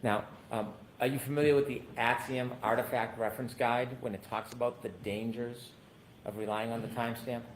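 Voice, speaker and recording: A man's voice: medium pitch, fairly even intonation, normal speed, a little hiss or hum, low-quality recording. A man questioning a witness as an attorney in a courtroom recording, asking probing questions with frequent hesitations.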